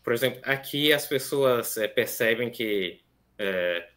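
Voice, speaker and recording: Speaking over a video call webcam from a small plain room, a seminarian in his twenties from São Paulo recounts his story in a casual interview. He has a São Paulo Portuguese accent and a mid-range voice with lively intonation. He talks slowly and softly, hesitating with many fillers.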